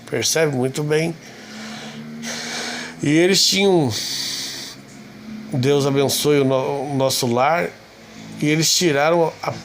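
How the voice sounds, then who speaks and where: A man reading a translated sermon aloud, telling a testimony in a steady, measured way. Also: a little high, slight background noise.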